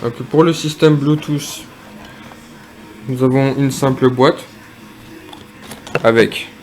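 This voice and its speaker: A man casually demonstrating and reviewing a piece of gear, speaking hesitantly with frequent pauses and fillers. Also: mid-range voice, fairly even intonation, darkish tone, slight background noise. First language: French. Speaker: product reviewer.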